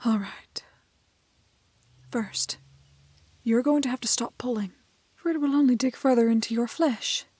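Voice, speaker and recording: In a romantic fantasy roleplay, a woman voices a prim, plucky, kind-hearted young woman from a fairy tale, using proper, old-fashioned phrasing. Her soft, fairly high voice has a breathy edge and sounds gentle and careful, unhurried with frequent pauses.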